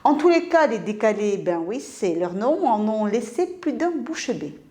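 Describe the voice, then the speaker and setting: A woman's voice: on the high side, sing-song, measured pace, mellow. A woman news presenter delivering a scripted introduction to a report.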